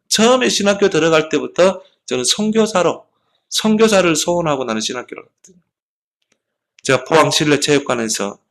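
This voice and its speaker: Impassioned Korean pastor preaching. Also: male voice, on the high side, fairly bright tone. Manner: impassioned storytelling preacher, voice rising and falling sharply. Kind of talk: sermon.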